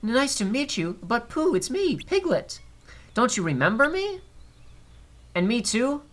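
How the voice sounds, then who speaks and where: Small sweet timid piglet, acted by a man, raised pitch, pleading delivery, game character read aloud. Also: big pitch swings, unhurried, a bit bright, heavily acted. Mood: pleading, hopeful.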